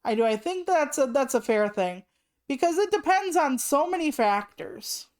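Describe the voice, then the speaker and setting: A woman's voice: high voice, big pitch swings, moderate pace, darkish tone. A woman in her late thirties chatting casually on a live stream, rambling through asides and swearing freely. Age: 30s. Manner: rambling asides with many "like" fillers.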